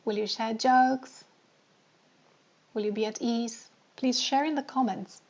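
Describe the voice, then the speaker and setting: Higher-voiced woman coaching in questions. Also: fairly even intonation, a little slow, a little mellow, muffled recording. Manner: asks many rhetorical questions and repeats phrases. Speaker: dating coach. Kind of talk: live online coaching session.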